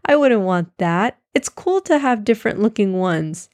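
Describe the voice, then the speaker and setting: A woman voicing an excitable young boy in a children's storybook. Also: mid-range voice, moderate pace, no echo, clean studio sound, natural voice. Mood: excited. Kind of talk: storybook reading.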